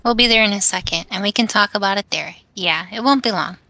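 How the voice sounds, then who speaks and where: A woman voicing a concerned young woman on the phone, calm and reassuring, while reading a game aloud. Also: mid-range voice, fast, no echo. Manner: calming, reassuring.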